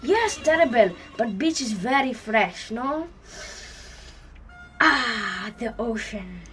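Woman as an eager Indian guide, high and lively. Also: slow, soft background music. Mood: cheerful, obliging. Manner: polite, obliging, broken English. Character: eager, deferential Indian male tour guide. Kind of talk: acted comedy drama.

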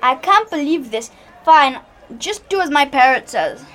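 Lady doing a grumpy english dad abroad, high pitched, exasperated and fussy, comedy acting. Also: expressive, unhurried, a bit bright. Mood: disgusted, exasperated. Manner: complaining, exasperated. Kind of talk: acted comedy drama.

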